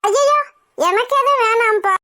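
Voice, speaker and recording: A kind old village grandmother from a cartoon, fussing and brushing off thanks. Her voice sits extremely high and thin, and the sound is close and dry. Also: moderate pace, pushed and bright, no room sound. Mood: protesting.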